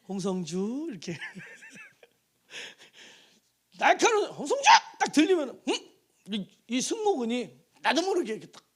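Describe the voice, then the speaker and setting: Pastor, male, very high voice with a lively melody, animated church sermon. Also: husky. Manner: animated preaching, acts out voices, calls to congregation. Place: church sanctuary.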